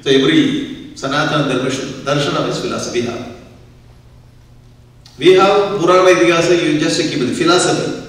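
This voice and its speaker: A man's voice: on the high side, a bit bright. A man, a swami, giving a scripture lecture and often checking that the listeners follow along. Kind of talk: religious discourse lecture. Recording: echoey hall, far from mic.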